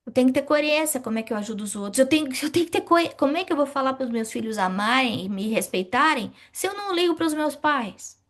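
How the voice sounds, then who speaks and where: In a high-pitched, fast voice with hardly any pauses, a middle-aged woman runs a spiritist study class. She asks questions and answers them on her own, with a lively energy.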